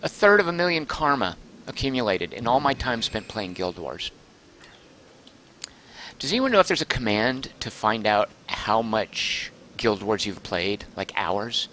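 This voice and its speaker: A man streaming a game live, chatting excitedly, thinking aloud and reading chat messages aloud, close to his microphone. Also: lowish voice, measured pace, a little hiss or hum. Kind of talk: live gameplay commentary.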